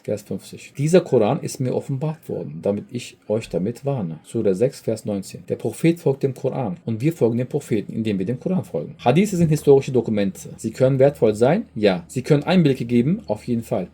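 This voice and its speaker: A man with a husky, dark voice narrates a scripted explainer. He talks to the audience conversationally and builds his argument with quick rhetorical questions. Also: medium pitch. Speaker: YouTube presenter.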